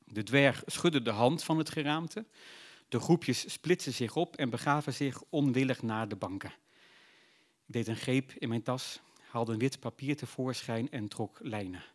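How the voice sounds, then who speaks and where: A man narrating a literary novel in a measured, reflective storytelling voice. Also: medium pitch.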